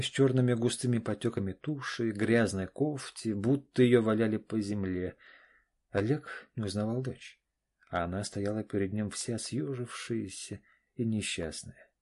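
A man's voice: on the low side, dark tone. Man reading a story aloud. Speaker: audiobook narrator. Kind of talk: scripted narration.

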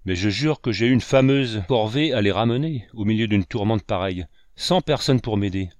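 A man's voice: fairly low pitch, lively intonation, normal speed, a little mellow, dry recording, natural voice. A man doing a sturdy young farm lad. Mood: earnest.

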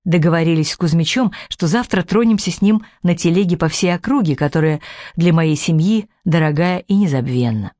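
A man narrating a storybook in an expressive, animated reading. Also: on the high side, brisk, dry recording, studio quality. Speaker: audiobook reader.

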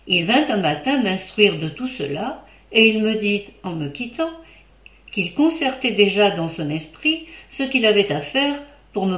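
A woman reading a classic novel aloud in a steady, clear storytelling manner. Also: mid-range voice. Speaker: audiobook reader. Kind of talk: scripted narration. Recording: roomy echo.

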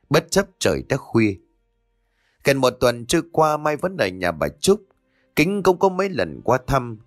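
A man narrating a ghost-story audiobook with expressive storytelling. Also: lowish voice, no room sound, clean studio sound.

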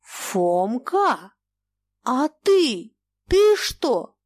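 A woman voicing a cantankerous old merchant who lectures sarcastically and turns shrill when angry. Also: animated, measured pace, no room sound, close to an everyday voice. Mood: furious. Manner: scolding, sarcastic, turning shrill when enraged. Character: cantankerous old merchant man, sly, quick to rage.

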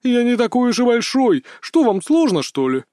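A man's voice: very high voice, sing-song, normal speed, a little mellow, no room sound, clean studio sound, pitched above the performer's own voice. A man voicing a huge, haughty talking ginger cat in an audiobook, sulky and bargaining. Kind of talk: audiobook character voice.

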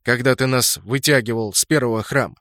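A man's voice: medium pitch, steady tone, fairly quick, a bit bright, no echo, natural voice. Guy doing a brash knight gamer, mocking, chatty slangy, fantasy audiobook, dry sound. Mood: amused. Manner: brash, colloquial exclaiming.

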